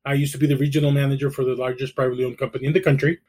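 A man's voice: mid-range voice, little pitch movement, very fast, warm tone. Middle-aged man from El Salvador. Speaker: guest, realtor. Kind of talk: casual interview storytelling.

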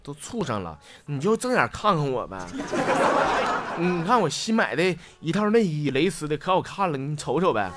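Man doing a soft wheedling girlfriend. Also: on the high side, very animated, normal speed, over loud music. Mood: coaxing.

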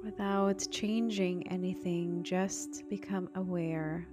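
A woman guides a meditation in a soft, soothing near-whisper. Her voice sits a little low and moves very slowly, with long pauses between phrases. Prominent new-age music plays behind her. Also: fairly even intonation. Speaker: health astrologer and meditation guide.

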